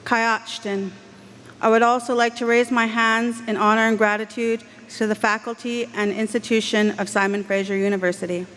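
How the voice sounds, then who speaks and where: A woman from Canada giving a formal graduation address, measured, earnest and heartfelt, speaking into a podium microphone. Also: on the high side, level tone, fairly bright tone. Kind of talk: formal convocation speech. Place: large indoor ceremony hall. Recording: long hall reverb, faint background hiss.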